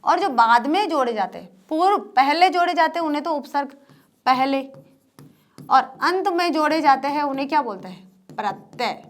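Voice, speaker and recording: A woman's voice: high voice, animated, normal speed. A woman teaching an exam-prep grammar lesson to students, asking questions and answering them herself and repeating the key terms.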